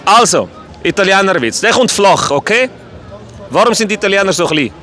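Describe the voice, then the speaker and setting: A man's voice: high-pitched, big pitch swings, normal speed, sharp tone, raised voice, faint music behind, a faint crowd. A man hosting street comedy, cheeky and laughing at his own jokes, outdoors in a city. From Switzerland. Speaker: comedian host.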